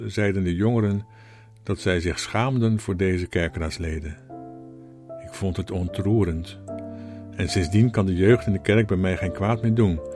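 Low-voiced Dutch-speaking pastor telling a story. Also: male voice. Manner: storytelling, reflective and gently rhetorical. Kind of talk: sermon with a personal story.

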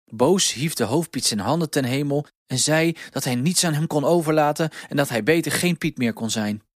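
A man reading a children's story aloud in a calm, lively storytelling manner. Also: on the high side, normal speed, no room sound, clean studio sound.

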